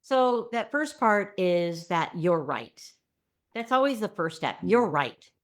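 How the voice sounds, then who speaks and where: Lively middle-aged woman explaining as a guest. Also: medium pitch, takes it slowly. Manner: lively, breaks into acted-out quotes. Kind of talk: conversational interview explanation.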